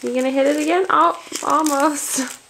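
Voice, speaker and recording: A woman talking softly to her baby as a parent, in slow, cooing, encouraging baby talk. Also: high-pitched, steady tone, vocal fry, a little hiss or hum.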